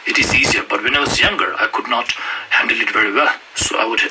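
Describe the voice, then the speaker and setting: A man's voice: fairly low pitch, fast. A man from Ladakh, giving an informal Buddhist teaching with frequent "you know" fillers. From Ladakh, India. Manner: conversational, many "you know" fillers, laughs at stories. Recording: voice from a distance with clear background noise.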